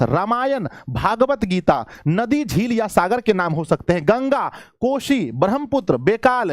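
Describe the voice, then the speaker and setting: A man's voice: high-pitched, no echo, clean studio sound. A man, teaching a grammar lesson to students. He calls them his children, asks questions and answers them himself, and repeats every point. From Bihar, India. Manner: repeats each point, with rising emphasis on examples.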